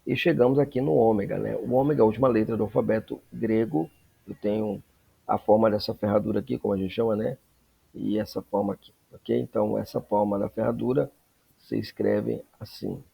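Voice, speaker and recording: A man teaching a Greek lesson, explaining slowly and checking in with frequent tag questions. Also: on the low side, fairly even intonation, creaky, dark tone, slightly rough. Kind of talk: classroom lesson.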